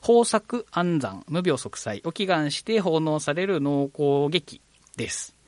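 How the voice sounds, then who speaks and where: A man's voice: fairly high pitch, animated, slow, a little mellow, no echo. A man hosting a live local radio talk show, polite and chatty with frequent fillers. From Kagoshima, Japan.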